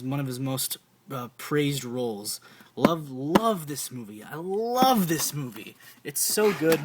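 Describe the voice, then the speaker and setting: Young male film buff, casual and profane, excitable delivery, noisy room with clicks. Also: medium pitch. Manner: enthusiastic, swears often, repeats titles. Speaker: film collector reviewing his DVD shelf. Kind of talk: casual profane movie recommendations.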